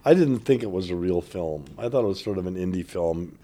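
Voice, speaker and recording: A man from northern Minnesota with a Minnesota accent, a former theater director and actor, telling relaxed, amused anecdotes in an interview. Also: low voice, a little fast. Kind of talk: interview storytelling.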